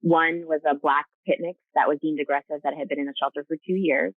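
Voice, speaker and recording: A woman's voice: low voice, steady tone, fast talker, no echo. Woman on a tinny video call. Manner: earnest, with frequent fillers and restarts. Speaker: guest, rescue co-founder. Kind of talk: casual video-call interview. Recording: tinny phone-like call audio.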